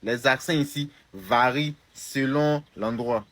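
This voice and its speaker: A man's voice: medium pitch, takes it slowly, a bit bright, dry recording. A young man with an Ivorian French accent, answering a comment in a casual video. He talks with emphasis and often repeats or restarts phrases. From Côte d'Ivoire. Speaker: content creator.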